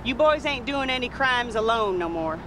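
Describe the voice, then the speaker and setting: A woman's voice: on the high side, expressive, normal speed, background noise, lightly acted. An actress playing a blunt, earnest, middle-aged working-class mother who talks in plain country speech. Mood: firm. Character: worn-down, determined working-class trailer-park mother.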